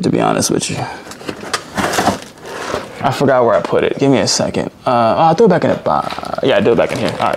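Over a noisy background, a young man with a gravelly, medium-pitched voice chats through his DIY car repair while working. His hands-on narration is easygoing, with a swear word here and there.

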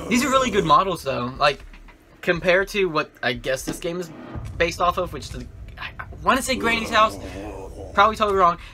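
A man's voice: high voice, expressive, brisk, gravelly, pushed and bright, slight background noise. A young man giving casual commentary on a horror game, thinking aloud to himself as he plays. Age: young adult. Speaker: gamer playing a horror game with facecam.

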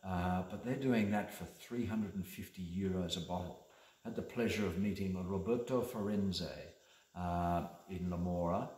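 A middle-aged man with a very low voice presents a wine tasting in a relaxed, chatty way. He rambles happily and fills his pauses with ums and uhs, and his voice bounces around a roomy, echoey space. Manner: rambling, enthusiastic with many fillers. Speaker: winemaker. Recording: echoey room.

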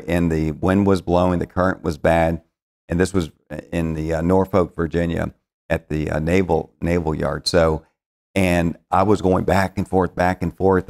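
A middle-aged man with a low, gravelly voice talks in a TV studio interview. He tells stories in a rambling way, restarting his sentences and acting out the lines he quotes. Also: darkish tone. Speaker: financial planner, show founder. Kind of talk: casual studio interview storytelling.

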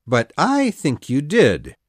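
A woman voicing a cruel, bullying male pirate captain in a storybook reading, drawing out her threats slowly. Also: low-pitched, huge pitch swings, no echo, clean studio sound, pitched below the performer's own voice, full character voice. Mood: threatening. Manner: growling threats, slow and drawn out.

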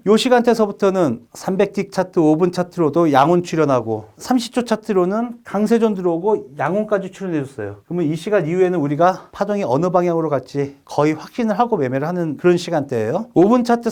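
A man teaching a trading lesson over charts in a brisk, coaching way, often asking the viewers questions. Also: high-pitched, a little mellow. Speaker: trading instructor. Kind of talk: screen-recorded chart lesson.

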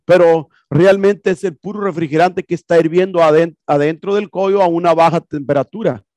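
A male HVAC instructor, voice a little high and darkish, walks his class through a video on the projector screen. His explaining is casual and repetitive, peppered with rhetorical questions, and the audio is dry and studio-clean.

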